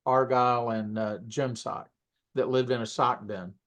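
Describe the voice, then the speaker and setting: Guy telling old work stories, rambly, keeps clearing his throat, plain mid voice. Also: medium pitch, steady tone, a little slow, a bit bright. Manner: rambling, self-correcting, clears throat and coughs often. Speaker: puppeteer guest. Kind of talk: casual interview storytelling.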